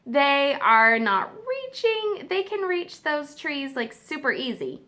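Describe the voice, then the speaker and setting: Reading a nonfiction book to children, a woman teacher speaks in a high-sitting, sing-song voice with a sharp tone. She emphasizes key words and stops to ask simple questions and explain things.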